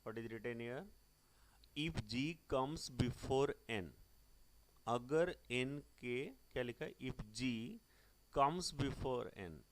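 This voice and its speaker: A man's voice: medium pitch, gravelly. An Indian man teaching English grammar, who mixes Hindi and English, spells words out letter by letter, and keeps telling the class to look carefully.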